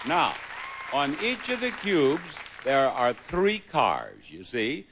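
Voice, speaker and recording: Animated, unhurried male game-show host. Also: a little high, a crowd in the background, noisy background. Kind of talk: game show hosting before a live audience. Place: television studio with live audience. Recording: loud music and studio audience behind.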